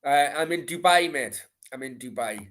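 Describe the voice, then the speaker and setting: A middle-aged livestream host from Merthyr talks at normal speed in a mid-range, expressive voice that's a bit bright, with a Welsh Valleys accent. The late-night football Q and A is casual chat, and he swears, rambles and repeats himself.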